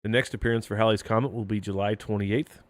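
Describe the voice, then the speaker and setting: A man's voice: lowish voice, steady tone, fast talker, no echo, studio quality. A man in his thirties hosting a podcast, reading history facts between crude jokes. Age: 30s. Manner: crude, joking, laughs often. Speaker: podcast host.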